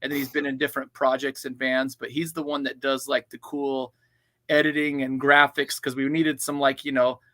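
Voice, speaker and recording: A man's voice: mid-range voice, little pitch movement, normal speed, fairly bright tone, no echo. A man from a band, a guest on an interview show, telling stories in an upbeat, rambling way. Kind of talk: casual interview chat.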